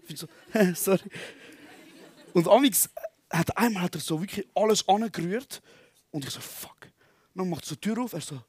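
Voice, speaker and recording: A young man with a Swiss German accent jumps into a live podcast with chatty, slangy explanations. His voice sits a little higher than most men's and sounds dry, close to the mic. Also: fairly quick, a little mellow, slightly rough, dry recording. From Switzerland. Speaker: podcast co-host. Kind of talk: live comedy podcast banter.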